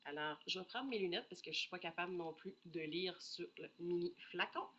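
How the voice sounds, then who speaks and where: A woman's voice: fairly low pitch, fairly quick, a bit bright, muffled recording. A woman with a Québécois French accent chatting casually as she reviews perfume samples, thinking aloud and apologizing often, with a head cold. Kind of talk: casual solo review chat.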